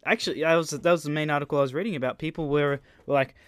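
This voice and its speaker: A man hosting a podcast, chatting casually with friends, animated and full of swearing. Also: a little high, very fast, no echo. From Australia. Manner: animated, sweary, loud outbursts. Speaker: podcast host.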